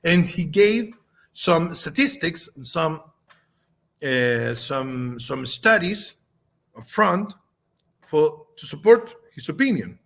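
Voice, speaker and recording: Man with a Chilean Spanish accent, native Spanish speaker; slow, halting delivery with fillers; slightly raised pitch. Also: very animated, gravelly, a bit bright. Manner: halting, many fillers and restarts. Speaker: channel host. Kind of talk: spoken video response.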